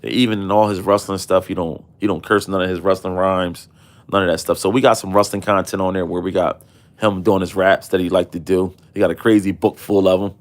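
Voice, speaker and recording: A man with a fairly low voice talks in an unhurried, drawling way, full of fillers. He hosts a casual livestream and speaks. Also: flat delivery. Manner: laid-back, drawling, many fillers. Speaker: host.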